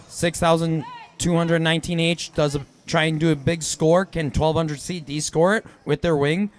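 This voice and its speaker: A man commentating on a robotics match in a loose, halting play-by-play way. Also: on the high side. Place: event hall.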